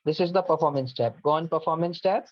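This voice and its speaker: Talking fast in a fairly high voice, a man patiently leads students through an online course platform with step-by-step directions, often saying "okay." The audio comes from a video call mic and is dull, dry and lo-fi with no echo.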